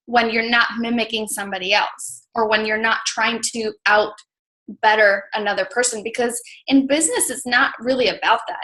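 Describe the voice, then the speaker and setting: Still chatting casually as an interview guest, this woman from Mexico, a coach and mentor and native Spanish speaker, leans heavily on fillers like "like" and "you know." Her fairly high voice is fairly bright, captured in a rough recording.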